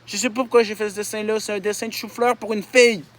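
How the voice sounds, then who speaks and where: In a relaxed vlog, a high-pitched young Québécois YouTuber pokes fun at his childhood drawings, cursing freely and making jokes at his own expense. His tone stays level and he talks quickly, with a faint hum in the background.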